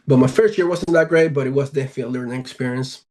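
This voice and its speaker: Speaking at a racing clip, a twenty-something pro baseball player from Venezuela chats casually during an interview. He has a Latin American accent and a mid-range, darkish-toned voice.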